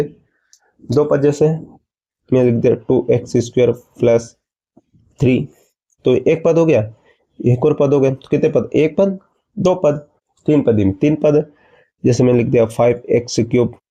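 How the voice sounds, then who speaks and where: A man's voice: mid-range voice, mellow, dull audio. A man teaching a maths lesson, explaining step by step and asking his students questions before answering them himself. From India.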